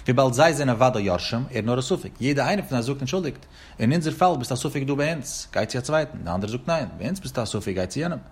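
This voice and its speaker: A man teaches a legal text at a quick clip, laying out each case in turn. His voice is husky and a little breathy. He talks in a sing-song lecturing cadence that rises and falls through each point. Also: mid-range voice, expressive. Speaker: Talmud teacher.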